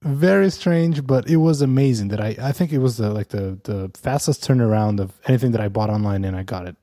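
Podcast guy rambling about his new phone, mellow low-key voice, lots of uhs and likes, dry close sound. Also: fast, no room sound. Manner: rambling, many fillers and restarts, laughs often. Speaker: podcast co-host. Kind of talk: casual chat. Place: lives in Amsterdam.

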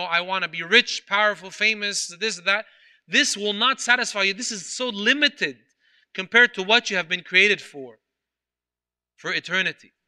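A priest delivering a sermon in a high, bright voice with a crisp, smooth tone. He tells a story earnestly and leans on repeated phrases for emphasis.

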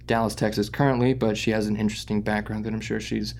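A man hosting an interview podcast in a relaxed, joking, chatty way. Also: fairly low pitch, fast talker, vocal fry. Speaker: podcast host. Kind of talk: casual interview chat.

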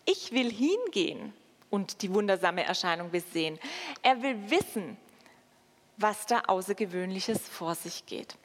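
A woman preaching a sermon and reading scripture in a slow, measured way with dramatic pauses. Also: medium pitch, big pitch swings. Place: church. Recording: long church reverb.

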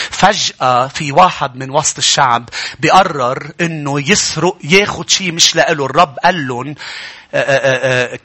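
Pastor guy preaching fast and fiery, bright and a little husky. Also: fairly high pitch. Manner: fervent preaching, climbing to shouts. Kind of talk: sermon.

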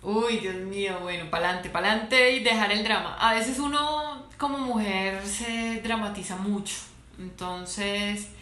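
A woman, a sports doctor and coach talking in a casual interview, lively and playful, laughing often as she tells stories. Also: medium pitch, takes it slowly, hardly any pauses. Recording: echoey room, faint background noise.

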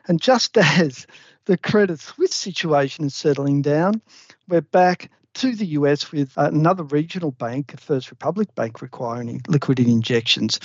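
A man, a chief economist, talking about the week's banking turmoil in an animated, chatty way. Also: a little high, husky, dry recording. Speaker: chief economist, regular guest. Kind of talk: casual chat. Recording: dry, slightly dull lo-fi audio.

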